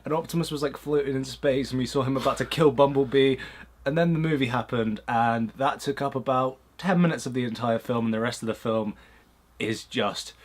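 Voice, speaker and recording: A man's voice: mid-range voice, a little fast. A man hosting a casual movie review chat, blunt and rambling, with plenty of fillers and swearing.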